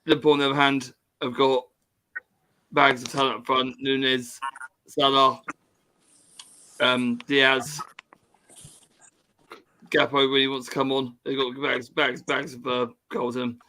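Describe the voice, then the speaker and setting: A man's voice: medium pitch, little pitch movement, measured pace, pauses often, sharp tone, rough recording. A man on a panel giving football predictions, hesitant and stammering. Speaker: panel guest. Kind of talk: casual football chat.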